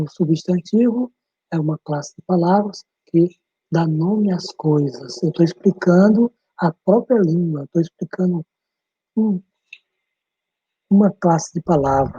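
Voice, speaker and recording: A man's voice: on the high side, unhurried, warm tone, husky, no echo, dull audio. A male teacher giving a patient online class lecture, often checking in with his students.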